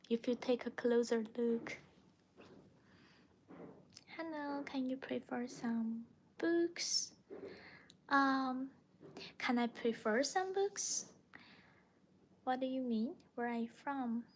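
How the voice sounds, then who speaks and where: She's a young livestream host and language teacher from Chongqing, China, whose native language is Mandarin and who speaks with a Chinese accent while casually answering viewers. Her voice is on the high side and slow, with long pauses and a little hiss or hum.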